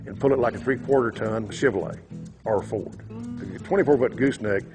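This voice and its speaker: A man with a West Texas twang telling his story in a relaxed, unhurried, folksy way, pausing as he goes. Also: medium pitch, over music. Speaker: truck-testing cattle rancher.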